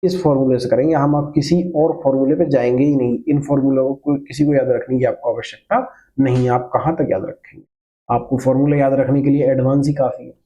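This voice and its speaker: A man's voice: medium pitch, fairly even intonation, brisk, dark tone, highs cut off. A man teaching math to a class, explaining each step patiently, asking questions and repeating key points, mixing in English terms. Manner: mixes Hindi with English terms.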